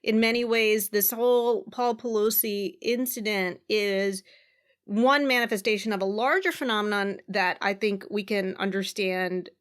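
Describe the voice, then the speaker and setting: A woman co-hosting a podcast, speaking in a thoughtful, measured way in casual conversation. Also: mid-range voice, steady tone, clear, resonant tone. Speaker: podcast co-host.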